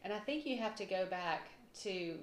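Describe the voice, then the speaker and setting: A woman, co-hosting a casual Bible discussion, chatty and quick to laugh at herself. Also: medium pitch, lively intonation. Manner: chatty, laughs often, self-deprecating. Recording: echoey room with faint noise.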